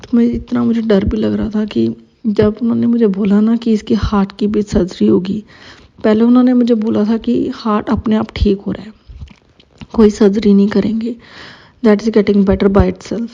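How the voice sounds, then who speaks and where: A woman shares a personal devotional testimony, pausing often and searching for words. Her voice is mellow and gravelly, and her delivery stays flat. The recording sounds dull and lo-fi. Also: medium pitch. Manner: emotional, hesitant storytelling with many fillers.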